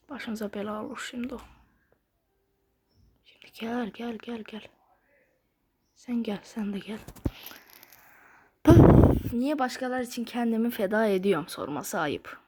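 A woman gives slow, unhurried commentary while she plays a game. She mutters and half-whispers teasing remarks at the players around her, at a middle pitch. It is recorded through a phone screen recorder. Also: husky. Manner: talks to opponents, often whispering, playful muttering. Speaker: gamer. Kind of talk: casual gameplay commentary.

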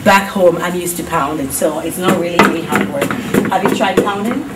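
A woman's voice: on the low side, brisk, very noisy. A young woman hosting a travel show, chatting casually in an outdoor courtyard and laughing often. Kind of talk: casual on-location chat.

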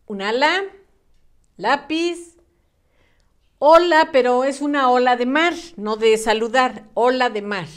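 A woman teaching a children's spelling lesson, patient and sing-song, using diminutives. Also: a little high. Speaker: primary school teacher.

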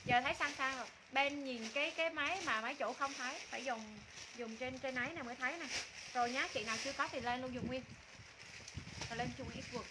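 A woman's voice: sits high, quick pace, noisy background. A woman in her thirties selling clothes live, with informal, repetitive sales patter aimed at customers. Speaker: live-stream clothing seller. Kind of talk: live sales chat, pitching items and calling out customers. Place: small indoor room with curtains.

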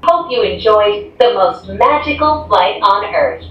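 A woman giving a recorded announcement over a small cabin loudspeaker, in a measured, scripted announcer delivery. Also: mid-range voice, animated. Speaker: ride announcer. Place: inside a small moving gondola cabin. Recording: echoey, distant, muffled loudspeaker with faint noise.

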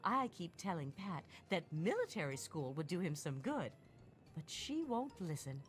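An actress playing a prim, polite, gossipy suburban American housewife in a video game. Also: female voice, lowish voice, big pitch swings, moderate pace, soft background music. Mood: disapproving. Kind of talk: scripted video game dialogue.

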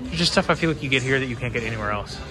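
A man chatting casually to his phone camera as a vlogger, upbeat and quick to laugh. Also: medium pitch, lively intonation, music in the background. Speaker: travel vlogger. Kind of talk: casual vlog chat. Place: busy store and lakeside outdoors at night. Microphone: handheld phone camera.

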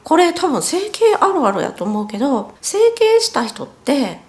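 A high, lively woman, chatting to camera at home. Her voice swings up and down as she goes. She sounds a little stiff and strained after nose surgery, and she often corrects herself mid-sentence. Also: normal speed. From Japan. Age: 40s. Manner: chatty, self-correcting, talks while wincing in pain. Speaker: vlogger. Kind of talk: casual vlog narration. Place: at home, indoors.

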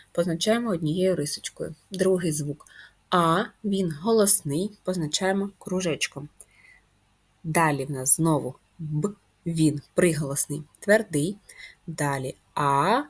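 Slow, breathy woman teaching first grade. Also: fairly low pitch. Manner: patient, spells out sounds and syllables; coaxing questions to children. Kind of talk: first-grade reading lesson.

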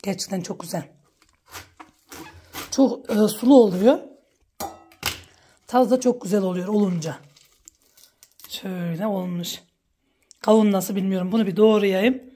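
A woman vlogging about her village life, chatting warmly with her viewers and calling out to her animals in a high coaxing voice outdoors. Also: a little slow, pauses often, husky. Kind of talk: casual vlog narration to viewers. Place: outdoors at a village farmyard and garden.

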